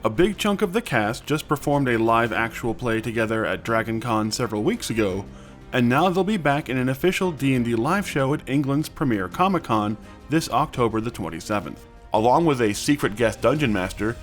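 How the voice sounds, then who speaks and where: Male news host, scripted narration in a middle-pitched voice, music bed behind. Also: animated, brisk. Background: background music.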